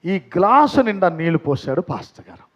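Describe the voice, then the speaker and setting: A man's voice: sits high, sing-song, fairly quick, fairly bright tone, muffled recording. A man preaching a sermon as pastor, telling a story and putting questions to the congregation. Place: church.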